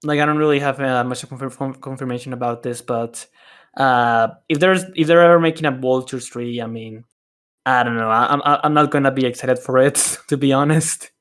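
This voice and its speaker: A man hosting a casual music podcast, speaking in a halting way with frequent restarts and soft laughs. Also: medium pitch, fairly even intonation, clear, resonant tone. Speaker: podcast host and music reviewer. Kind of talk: casual chat.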